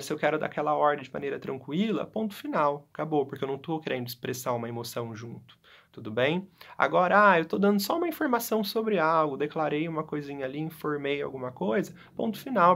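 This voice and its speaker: Male teacher, young adult, patient explainer, animated intonation, slightly high voice. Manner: explains patiently, checks in with frequent tag questions. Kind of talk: classroom lesson.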